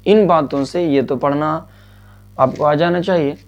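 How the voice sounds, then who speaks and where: A man teaching a Quran reading lesson, patiently asking questions and answering them himself, and drilling letter sounds slowly. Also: a little high, darkish tone, dull audio. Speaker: religious teacher.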